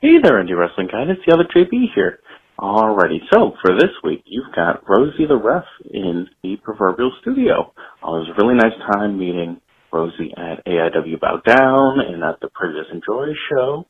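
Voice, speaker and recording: A man's voice: on the low side, big pitch swings, normal speed, slightly rough. A man leaving a casual, chatty voicemail over a phone line, losing his thread as he talks. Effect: voicemail played over a phone line. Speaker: voicemail caller.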